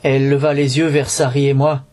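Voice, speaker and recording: A man's voice: medium pitch, little pitch movement, a little fast, darkish tone. A man reading a storybook aloud in French, narrating with occasional slips and restarts.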